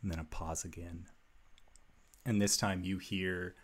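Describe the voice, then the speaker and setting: A man working as game master, narrating a tabletop fantasy game in suspenseful, descriptive storytelling with long pauses. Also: low-pitched, steady tone.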